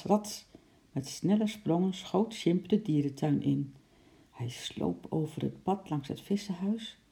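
A narrator reading a children's chapter book aloud in a calm, measured voice. The tone is very dark and mellow, with a gravelly edge. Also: mid-range voice.

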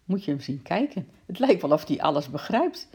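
A kindly middle-aged mother in a storybook, fussing and lifting her voice into fretful questions, as a woman acts her out. Beneath it the voice stays gravelly and husky. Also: deep voice, big pitch swings, brisk, dark tone, exaggerated voice. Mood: fretful, fond.

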